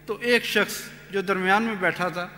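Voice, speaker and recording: A man giving an earnest personal testimony, retelling events with animated quoted dialogue. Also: high voice. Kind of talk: storytelling testimony. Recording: echoey hall reverb.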